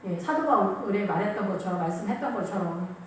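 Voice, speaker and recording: A woman's voice: medium pitch, animated, fast, a little hiss or hum. A woman pastor preaching a sermon in a church, talking in an emphatic, conversational way. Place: church sanctuary. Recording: echoey room, voice from a distance.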